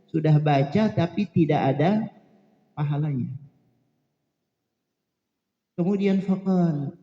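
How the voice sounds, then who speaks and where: A man's voice: high-pitched, dark tone. A male preacher giving a religious study lecture, reading Arabic passages aloud and then explaining them in a casual storytelling way. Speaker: Islamic preacher. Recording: echoey, dull lo-fi hall recording.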